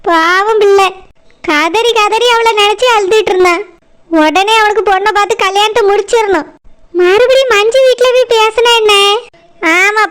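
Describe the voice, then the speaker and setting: A woman's voice: very high voice, a bit bright. A woman doing a bossy scheming mother-in-law. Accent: Kanyakumari Tamil. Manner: scolding, plotting aloud.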